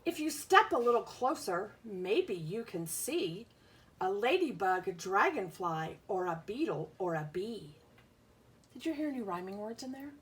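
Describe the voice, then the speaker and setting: Reading a picture book to young pupils, a woman teacher explains things in simple terms and puts questions to the children. She speaks a little slowly in a medium-pitched, sing-song voice.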